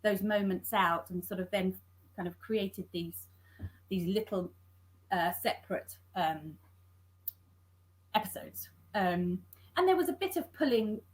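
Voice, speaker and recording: Expressive and mid-range, a woman's voice comes through a low-quality video call as she, a scriptwriter, describes her work in a conversational interview. She is halting, frequently breaking off to correct herself and start over.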